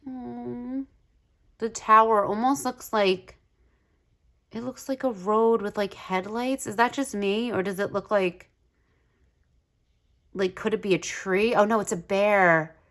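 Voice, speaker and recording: A woman casually flipping through a tarot deck on her channel, gushing and chatty, full of "like" fillers, with soft asides that drop to a whisper. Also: medium pitch, a little slow, long pauses. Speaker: tarot video creator.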